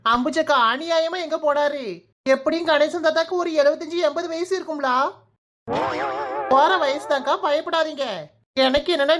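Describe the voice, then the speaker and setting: A woman with a Kanyakumari Tamil accent voicing village cartoon characters in a blunt, deadpan way. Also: high-pitched. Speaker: cartoon voice artist.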